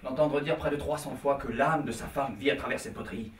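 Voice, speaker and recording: A man's voice: mid-range voice, fairly even intonation, a little fast, far from the mic, slight background noise, natural voice. An actor playing a cocky schemer who lectures his friend on swindling rich men, in a live stage comedy. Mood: indignant. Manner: lecturing, sly, boastful. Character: scheming, cocky con man. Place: theater stage. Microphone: distant room mic. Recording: echoey live stage recording from afar.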